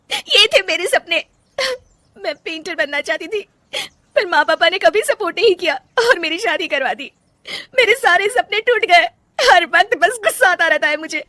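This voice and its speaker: A woman's voice: high voice, a bit bright, no echo, pitched above the performer's own voice. A woman voicing a young unhappy wife who longs to paint, with curt, sulky replies. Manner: sulky and curt, then tearful.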